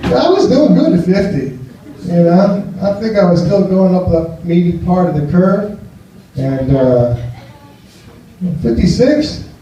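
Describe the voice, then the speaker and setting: His voice is high-pitched and warm with big swings in pitch, a little slow, with frequent pauses: an American stand-up in his fifties doing a rambling, self-deprecating cafe set and talking with the crowd. The distant, roomy, muffled recording has a little hiss or hum.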